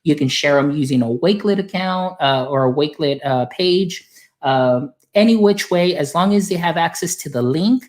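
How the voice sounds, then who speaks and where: A man's voice: on the high side, expressive, moderate pace. Guy from texas doing a tool demo for teachers, friendly, lots of uh's, explaining step by step. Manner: friendly, explanatory, filler-heavy. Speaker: guest, instructional software specialist. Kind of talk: software tutorial demo.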